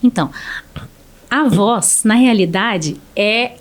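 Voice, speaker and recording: A woman's voice: mid-range voice, slow. A woman speech therapist from Brazil, a podcast guest explaining things in a teacherly, conversational way.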